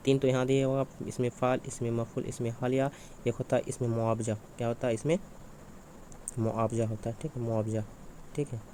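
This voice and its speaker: A man's voice: medium pitch, mellow, a little hiss or hum. Man drilling exam questions aloud. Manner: repetitive, asks and answers his own questions. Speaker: exam-prep teacher.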